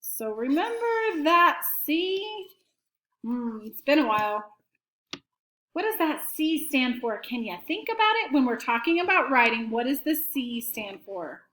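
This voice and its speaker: A woman teacher giving an early-grade writing lesson and slow dictation to students at home, prompting them patiently. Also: high voice, very animated, a bit bright, reverberant.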